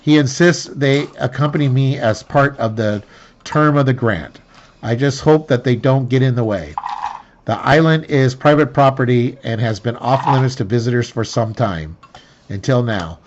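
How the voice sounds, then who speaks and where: A man's voice: mid-range voice, normal speed, slight background noise. Man reading game narration, muffled sound. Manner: stumbling restarts and self-corrections while reading. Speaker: player reading the scenario aloud. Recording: dull lo-fi sound.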